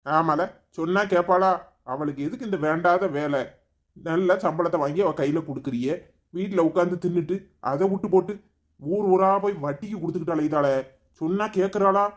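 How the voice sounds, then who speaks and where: A man's voice: high voice, lightly acted. A man voicing a weary, resigned middle-aged father. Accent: Tirunelveli Tamil. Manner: sighing, resigned, slow.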